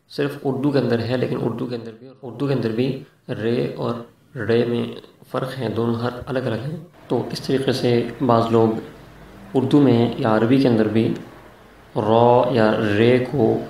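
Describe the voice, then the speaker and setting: A man teaching Quran pronunciation, explaining each letter and drawing out the sounds slowly and carefully. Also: medium pitch, darkish tone, a little hiss or hum. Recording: echoey room, distant from mic.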